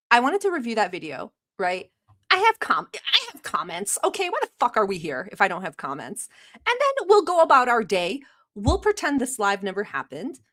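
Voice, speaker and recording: This young livestream host, Turkish-born and a native Turkish speaker, has a voice on the high side and a bit bright. She chats casually as she reacts to a video, teasing, laughing often, and swearing without much thought.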